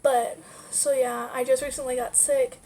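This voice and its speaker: Her voice sits high and mellow, barely moving in pitch, at a normal pace, with slight background noise. She's a young adult vlogger, nasal from a sinus infection's stuffy nose, rambling casually with plenty of fillers while giving a life update.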